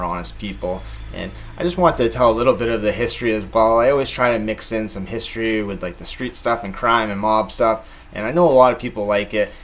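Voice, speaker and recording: Lowish voiced guy from mass north shore, casual history video host, talks plain. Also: fairly bright tone. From Massachusetts North Shore. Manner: plain-spoken, informal, addresses viewers as guys. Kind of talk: informal local-history narration and chat. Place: living room at home.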